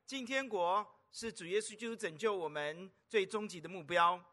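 Animated, bright-voiced male pastor. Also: sits high, moderate pace. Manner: animated, exclaiming, storytelling. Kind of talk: sermon.

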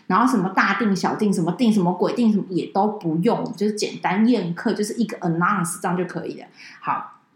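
A woman, co-hosting a podcast and telling a story in an animated, indignant way, swearing now and then. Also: medium pitch, fairly quick, roomy sound. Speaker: podcast co-host. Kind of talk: casual chat, personal storytelling.

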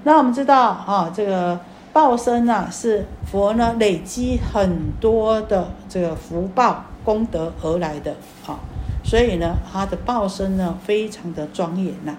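A woman Buddhist teacher giving a dharma talk. She tells stories and speaks directly to her audience, with drawn-out particles at the ends of her phrases. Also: medium pitch, a little mellow, a little hiss or hum.

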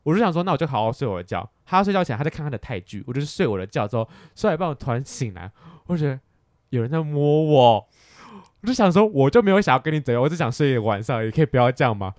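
A man chatting on a podcast, jokey and lively, swearing casually as he tells stories. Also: medium pitch, racing, dry recording, clean studio sound. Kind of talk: casual podcast chat, storytelling.

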